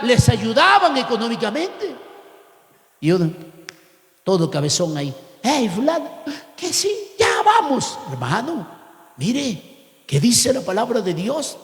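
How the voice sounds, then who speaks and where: Fervent high-voiced Ecuadorian preacher. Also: male voice. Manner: fervent, shouting, swings between loud and soft. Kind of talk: sermon. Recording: echoey hall with long reverb.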